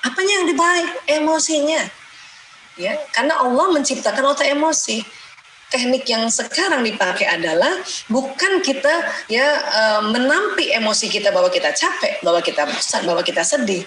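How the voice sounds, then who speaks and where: A middle-aged woman giving a religious lecture in a lively, conversational way, acting out mothers' prayers and complaints. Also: high voice, moderate pace. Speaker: Islamic lecturer and doctor. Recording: roomy echo, faint background noise.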